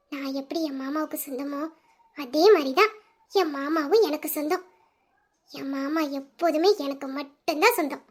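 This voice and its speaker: A woman voicing a young, devoted wife in a romantic audio drama, speaking in a tearful, pleading and tender way. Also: very high-pitched.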